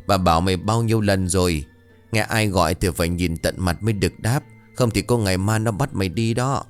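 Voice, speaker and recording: A man's voice: low voice, fairly quick, clean tone, soft background music, close to an everyday voice. A man voicing an old village grandmother in a storybook tale, scolding and anxious as she gives warnings.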